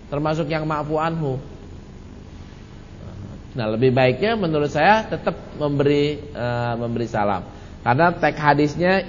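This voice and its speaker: Male religious teacher, casual joking delivery, higher voice, muffled echoey hall recording. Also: a little hiss or hum. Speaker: Islamic study teacher. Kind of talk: religious study talk answering questions.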